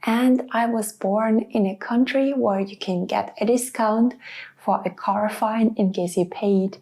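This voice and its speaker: A woman's voice: medium pitch, fairly even intonation, measured pace, warm tone. A woman in her twenties from Russia, talking casually to the camera about herself in a vlog. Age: 20s. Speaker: vlogger.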